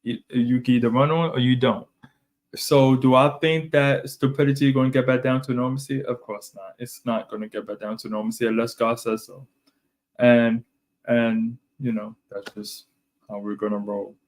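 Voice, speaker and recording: A man's voice: medium pitch, steady tone, moderate pace. A man co-hosting a casual podcast, rambling and circling back to the same phrases with many fillers. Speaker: podcast co-host. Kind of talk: casual chat.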